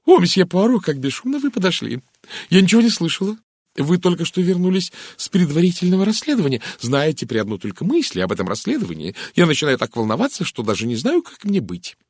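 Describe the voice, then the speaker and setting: A man voicing a nervous, chatty middle-aged American woman in an audiobook, raising his voice high and gushing. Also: huge pitch swings, fast, hardly any pauses, darkish tone, husky, no echo, studio quality, heavily acted.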